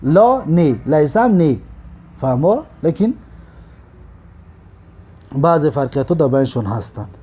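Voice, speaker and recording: A man with a Tajik accent teaching Arabic grammar, slowly drilling example words and stopping to check understanding. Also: on the high side, big pitch swings, mellow, slightly rough. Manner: slow, drawn-out drilling of example words, repeated for students; checks understanding with short asides. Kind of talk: recorded grammar lesson.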